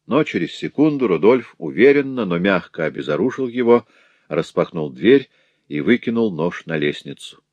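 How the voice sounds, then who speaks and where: A man narrating a novel as an audiobook in an expressive, measured manner. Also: low voice, dry recording, highs cut off. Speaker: audiobook reader.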